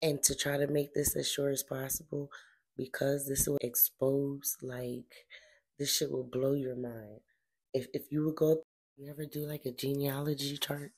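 A woman's voice: flat delivery, normal speed, breathy edge. A middle-aged woman hosting a casual spiritual commentary, dramatic and slangy, dropping to whispers and rising to emphatic outbursts. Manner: dramatic, swings between low whispers and emphatic loud outbursts; casual slangy delivery with repeated phrases. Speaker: spiritual channeler and host.

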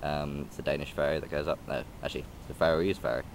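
A young man talks quickly in an extremely low, steady-toned voice, vlogging outdoors in a park by a railway line over noisy surroundings. He holds a phone or camera close, and his rambling is hesitant, with many ums and restarts.

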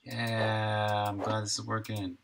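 In a fairly low, slightly bright voice, an American man in his thirties talks slowly with completely flat delivery while live-streaming his game dev work. He's laid-back and slangy, quick to chuckle, with a little background noise.

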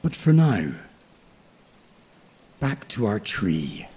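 A man with a husky, breathy voice hosting a bedtime podcast, soothing, unhurried and polite. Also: on the low side, big pitch swings, darkish tone. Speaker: host of a sleep story podcast. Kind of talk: calm bedtime podcast introduction.

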